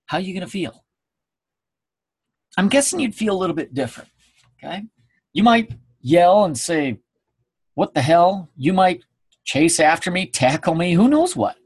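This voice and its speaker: Husky man coaching with emphatic check-ins. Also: sits high. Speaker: sales trainer. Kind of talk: recorded training presentation.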